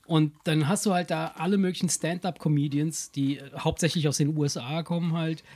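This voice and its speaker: A man with a fairly high voice chats loosely on a podcast. He rambles, piles up fillers and false starts, and swears offhandedly. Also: fairly even intonation, a little fast, a little mellow, husky. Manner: rambling, many fillers and restarts, swears casually. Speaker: podcast co-host. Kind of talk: casual chat.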